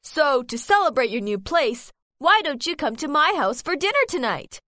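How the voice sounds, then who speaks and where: A woman's voice: sits high, sing-song, moderate pace, bright, forceful tone, dry recording, studio quality, exaggerated voice. A woman voicing a sly, greedy fox, sweet-talking. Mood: fawning. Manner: sweet-talking, wheedling, chuckling to himself. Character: greedy sly male fox, scheming and fawning. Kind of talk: storybook character reading.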